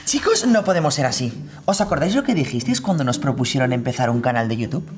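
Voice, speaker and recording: A woman voicing a bossy, hot-tempered female inner voice that shouts and rants, over background music. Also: very deep voice, big pitch swings, quick pace. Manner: shouty, swings from pleading to murderous rants.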